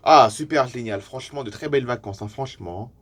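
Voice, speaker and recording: A man voicing a friendly adult camper from Florida, chatting in improvised pretend play with a relaxed, reassuring manner. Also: medium pitch, a little fast, a little hiss or hum, voice pushed down, lightly acted. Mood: easygoing.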